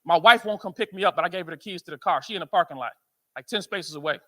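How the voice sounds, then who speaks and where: American conference speaker, male, high and sharp voice, storytelling motivator. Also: fast talker. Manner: animated storyteller, keeps asking "right?". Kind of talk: motivational speech to men.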